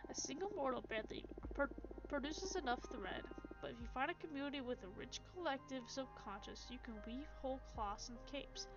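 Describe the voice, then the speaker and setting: A soft, hesitant spider witch, voiced by a woman, nervous and eager to please. Her voice sits fairly high and comes through dull and lo-fi. Game music plays clearly behind her. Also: lively intonation, brisk. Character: shy nervous young female spider witch.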